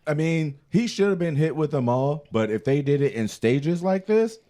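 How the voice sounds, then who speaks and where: A man co-hosting a casual true-crime podcast, animated and joking, often restarting his sentences. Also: a little high, normal speed. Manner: animated, joking, trips over words. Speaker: podcast co-host.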